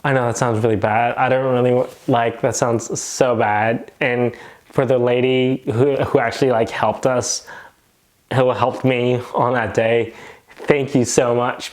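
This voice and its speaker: A man tells a story casually, filling his sentences with "like". His voice sits at an ordinary pitch. He tells it in an animated way, as a nurse recounting something that happened to him. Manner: animated retelling, heavy use of "like".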